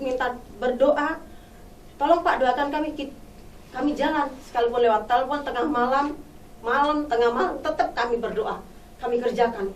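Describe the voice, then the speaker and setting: A woman's voice: sits high, a little hiss or hum. A middle-aged woman, a pastor's wife, giving a fervent testimony on a church talk show, telling her story and rising into exclamations. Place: studio talk show set. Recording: echoey room, distant mic.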